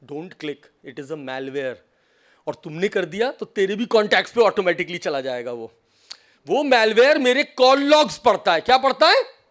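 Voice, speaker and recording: A man giving a lively seminar lecture on cyber safety to a live audience, mixing Hindi and English and acting out phone calls as he teases the listeners. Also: high voice, moderate pace. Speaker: seminar speaker on cyber crime.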